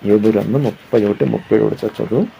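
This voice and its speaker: A man's voice: fairly low pitch, fast, creaky, dark tone, a little hiss or hum. A man pastor preaching a sermon who asks the listeners questions, repeats his phrases and sings hymn lines. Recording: dull lo-fi audio with faint background.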